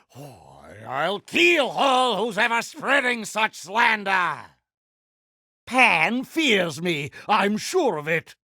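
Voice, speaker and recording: A man's voice: high voice, pushed and bright, no room sound, clean studio sound, heavily acted. A male actor playing a vain, villainous pirate captain in a video game, speaking in a pompous, grandiloquent, theatrical manner. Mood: indignant, menacing. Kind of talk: video game character voice lines.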